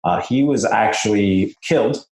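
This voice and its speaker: A young man from Malaysia, a business owner, talking in a relaxed interview with lots of fillers and short laughs. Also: lowish voice, measured pace. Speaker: podcast guest, business owner. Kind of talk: casual interview. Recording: roomy echo.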